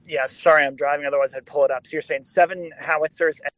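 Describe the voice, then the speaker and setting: A man calling in on a phone from a moving car, asking halting questions full of fillers in a casual chat. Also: on the high side, fairly even intonation, a bit bright, no room sound. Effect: phone call from a moving car. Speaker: caller in an online audio discussion.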